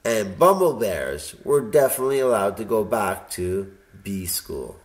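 A man reading a children's picture book aloud in a lively, expressive way. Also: fairly low pitch, a little slow. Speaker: storybook reader.

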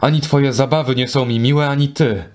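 A man's voice: medium pitch, steady tone, normal speed, pitched above the performer's own voice, natural voice. A proud young queen out of a storybook, scornful and cutting toward an unwanted guest, voiced by a male narrator. He raises his voice well above his own register to play her. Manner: sharp and scornful. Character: angry young queen Isolde. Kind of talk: audiobook character reading.

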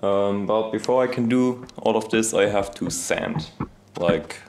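A young man filming a casual workshop vlog in his home garage, talking in a relaxed, self-deprecating way with lots of fillers, recorded on an action camera. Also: fairly low pitch, measured pace, noisy background. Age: young adult. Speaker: hobby boatbuilder vlogger. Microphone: action camera on body or nearby.

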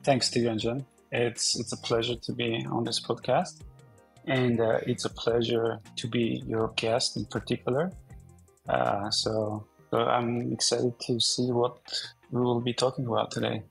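A man's voice: medium pitch, level tone, a little slow, gravelly, breathy edge, faint music behind, low-quality recording. A man in his forties from Armenia, a podcast guest speaking casually over a video call, with frequent fillers and restarts. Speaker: podcast guest, company founder. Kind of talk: casual interview talk. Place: indoor room.

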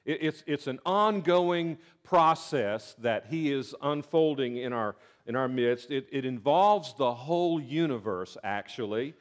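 A man's voice: mid-range voice, measured pace, hardly any pauses. An older man with a Southern US accent preaching a sermon from a pulpit in a church sanctuary, folksy and earnest, often restarting his words. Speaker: pastor. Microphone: pulpit mic.

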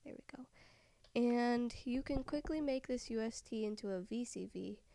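Female tutorial narrator, low-key and slow, mellow fry-edged tone, dry close sound, drifts into whispers. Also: dry recording. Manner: soft-spoken, often trailing into a whisper. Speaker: software tutorial maker. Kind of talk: screen-recorded software tutorial voice-over.

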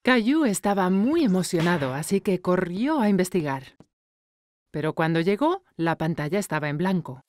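A woman's voice: on the low side, animated, normal speed, a little mellow, no echo. A woman narrating a scripted children's cartoon story. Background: music.

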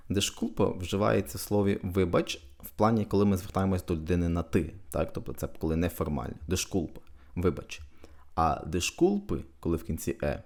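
A man's voice: sits low, darkish tone. A man teaching Portuguese phrases in Ukrainian, patiently repeating each phrase with its translation. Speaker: language teacher.

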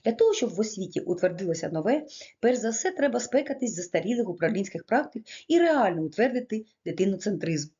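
Earnest woman lecturing, lively pitch. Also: quick pace, breathy edge, lo-fi sound. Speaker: education lecturer. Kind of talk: prepared lecture reading.

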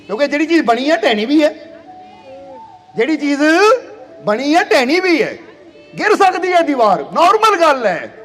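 A man's voice: very high voice, big pitch swings, normal speed, long pauses, fairly bright tone. A man giving a devotional sermon, earnest and repeating phrases for emphasis. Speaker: spiritual preacher. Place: satsang hall. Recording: long hall reverb.

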